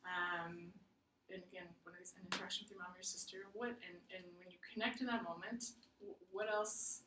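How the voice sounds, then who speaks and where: A woman counselor in a practice session, gently summarizing and reflecting back with many hesitant ums. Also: fairly low pitch, steady tone, fairly quick. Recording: roomy, distant mic, faint hiss.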